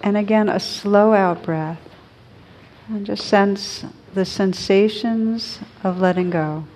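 In a gentle, soothing, unhurried way, a woman leads a guided meditation, leaving long pauses between phrases. Her voice sits in the mid range, and there's slight background noise.

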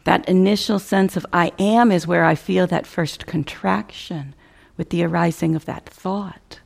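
A woman with a fairly low voice, marked by vocal fry and fairly even intonation, guides listeners through a meditation. She keeps things measured and contemplative, pausing between short phrases and letting their ends drift off softly.

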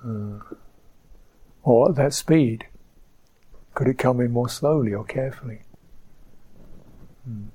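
A man giving a slow, reflective dharma talk as a meditation teacher on a retreat, pausing often. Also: medium pitch, slightly rough, rough recording. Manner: slow, reflective, soft-spoken with pauses. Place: retreat centre hall.

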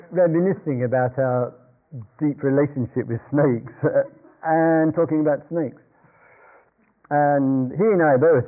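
An older man giving a meditation talk, rambling through an anecdote with chuckles and restarts. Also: mid-range voice. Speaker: meditation teacher. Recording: dull lo-fi talk recording.

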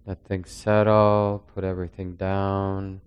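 Slow, calm man guiding breathwork. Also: sits low, clear, resonant tone, lo-fi sound. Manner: slow, soft-spoken, calming. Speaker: meditation teacher. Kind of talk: guided breathing meditation.

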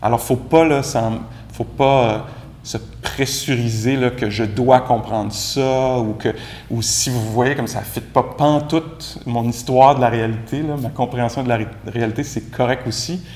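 A man with a Québécois French accent giving a relaxed, conversational Buddhist dharma talk as a meditation teacher, with gentle self-mocking humor. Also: mid-range voice, moderate pace. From Quebec. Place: room with a live group. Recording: echoey room recording.

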